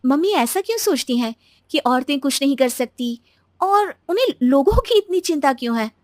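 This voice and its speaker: A woman voicing an earnest, encouraging young daughter-in-law who reasons gently in a cartoon moral story. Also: high-pitched, sing-song, normal speed, no room sound, studio quality. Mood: concerned, determined.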